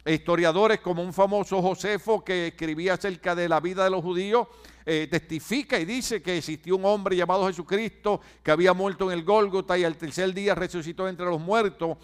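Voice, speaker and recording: A man preaching as a pastor, drawing out key phrases slowly and having the congregation repeat words back to him. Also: sits high, steady tone, clean tone. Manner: preaching with call-and-response to the congregation. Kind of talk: sermon.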